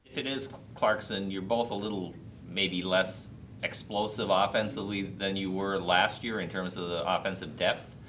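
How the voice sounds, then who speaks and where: Guy reporter asking a question at a presser, lowish voice, faint noise behind. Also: fairly even intonation, moderate pace, a bit bright. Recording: distant mic, faint room noise.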